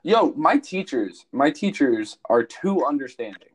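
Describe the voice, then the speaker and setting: A man's voice: mid-range voice, very animated, unhurried, husky. Profane, rambling young man chatting. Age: young adult. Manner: profane, rambling storyteller who acts out quotes. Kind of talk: casual chat.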